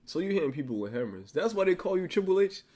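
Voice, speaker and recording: Teasing man with a lively, mellow voice. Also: high-pitched, quick pace. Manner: teasing, jokey interjections. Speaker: podcast host. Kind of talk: casual chat.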